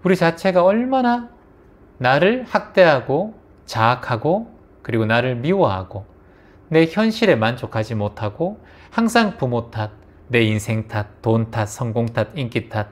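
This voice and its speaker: A man's voice: mid-range voice, very animated, a little slow. A man giving a meditation dharma talk with emphatic, repetitive exhortation that rises to fervent peaks. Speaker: meditation teacher.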